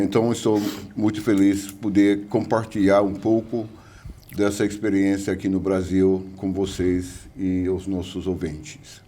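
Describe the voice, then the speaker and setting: Slow-speaking older American man. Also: lowish voice, warm tone. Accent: American English. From United States. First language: English. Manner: hesitant, many filler sounds. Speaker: guest professor. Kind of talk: interview conversation.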